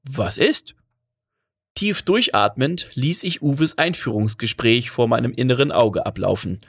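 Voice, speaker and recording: A man narrates a first-person story with a wry, self-mocking edge. His pitch rises and falls a great deal. The recording is close and dry. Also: expressive, moderate pace, creaky, fairly bright tone, no room sound.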